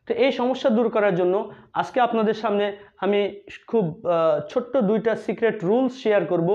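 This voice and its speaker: A man who lectures in English, teaching a video lesson on vowel sounds. He explains slowly, repeating words and spelling them out letter by letter. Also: high-pitched, narrow, tinny audio. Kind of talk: classroom-style video lesson.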